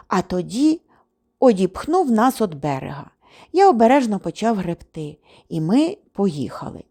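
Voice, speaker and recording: A woman giving an expressive audiobook narration. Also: mid-range voice. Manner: lively, expressive reading. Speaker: audiobook reader.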